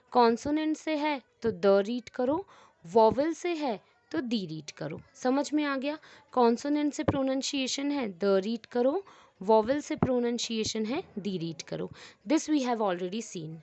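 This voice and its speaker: Patient woman teacher, slow and dry. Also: fairly high pitch, a little mellow, no echo. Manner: asks the class rhetorical questions and answers them herself; repeats each rule several times. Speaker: English teacher. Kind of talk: explanatory grammar lesson.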